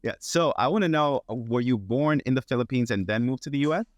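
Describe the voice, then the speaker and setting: A man's voice: mid-range voice, fast, dry recording. A man born in the Dominican Republic hosting an interview over a video call in a friendly, conversational way. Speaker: host. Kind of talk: interview and channel intro.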